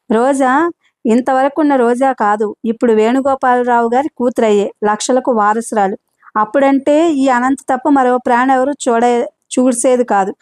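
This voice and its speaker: A woman's voice: on the high side, a little mellow, no echo, clean studio sound, lightly acted. A woman reading the part of a hurt young man who feels betrayed, speaking in bitter, indignant outbursts. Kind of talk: audiobook character reading.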